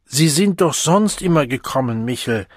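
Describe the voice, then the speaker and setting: Male narrator doing a high, whiny, begging host in an audiobook; husky. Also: animated, normal speed, no echo, studio quality. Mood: pleading. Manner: whining, begging. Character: pleading, fawning male host of a party.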